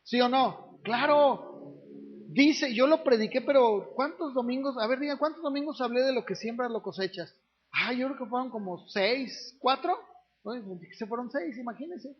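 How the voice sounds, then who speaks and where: A man's voice: very high-pitched, animated, normal speed. A man, a pastor preaching a sermon in a conversational way, often asking the congregation questions. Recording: dull lo-fi recording.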